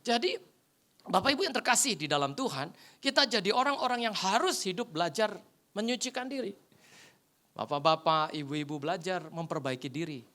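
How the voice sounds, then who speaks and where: A male pastor preaching a humorous sermon, telling a story and acting out the voices in it. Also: high voice. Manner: animated, acts out the voices in his anecdotes. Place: church.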